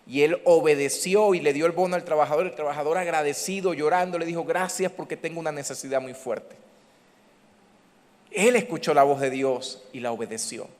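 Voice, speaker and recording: High-voiced preaching pastor in a hall. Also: male voice. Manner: preaching with rising emphatic calls to the congregation. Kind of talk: sermon. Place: church hall. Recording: church hall reverb.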